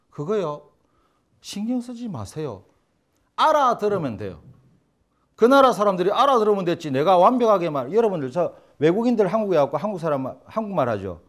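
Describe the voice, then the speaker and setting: A man teaching a lecture on learning Chinese, blunt and joking, acting out examples in funny voices. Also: on the high side. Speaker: Chinese language instructor. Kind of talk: lively classroom lecture.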